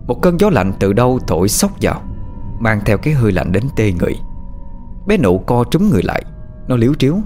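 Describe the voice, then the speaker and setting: Low-voiced man telling a ghost story. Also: big pitch swings, a little fast, a little mellow, soft background music. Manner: dramatic, suspenseful storytelling. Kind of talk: scripted ghost-story narration.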